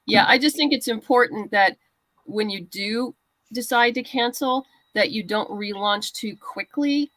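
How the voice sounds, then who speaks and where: Fairly high-pitched and a bit bright, this woman talks a little slowly, giving conversational, practical advice as a guest writer and comic creator in a relaxed interview about crowdfunding. The audio is poor but has no echo.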